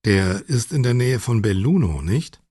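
A man voicing a quiet, reserved middle-aged father who speaks softly. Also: on the low side, very animated, unhurried, slightly rough, dry recording, clean studio sound, full character voice.

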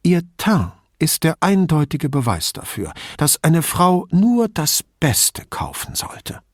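A man voicing a brisk policewoman who flatters an old witness. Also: fairly high pitch, dry recording, clean studio sound, pitched above the performer's own voice, full character voice. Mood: flattering.

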